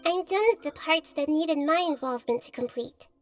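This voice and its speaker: A woman voicing a young girl goddess who is gentle, wise and calm, speaking softly and thoughtfully in a game. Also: sits high, soft background music, lightly acted. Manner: soft, thoughtful, measured.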